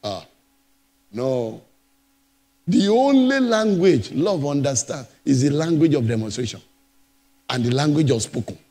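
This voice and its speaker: A pastor preaching a sermon, emphatic and repetitive, moving between loud and soft passages. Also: male voice, on the high side, sing-song, unhurried, long pauses, long reverb tail. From Nigeria. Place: church.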